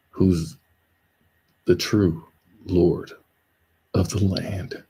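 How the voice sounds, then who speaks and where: A man's voice: low-pitched, mellow, slightly rough, low-quality recording. A man hosting a live stream, talking in a loose, rambling, joking way that often breaks into laughs. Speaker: livestream host. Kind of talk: casual livestream commentary.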